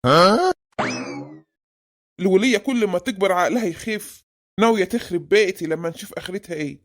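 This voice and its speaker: A performer voicing a stingy, grumbling middle-aged husband with an Egyptian accent, who scolds his wife in a quick, nagging way. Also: medium pitch, natural voice.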